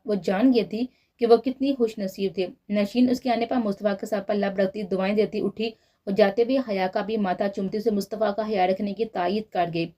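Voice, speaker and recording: A woman narrating a romance novel in a steady storytelling manner. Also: medium pitch. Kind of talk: novel reading.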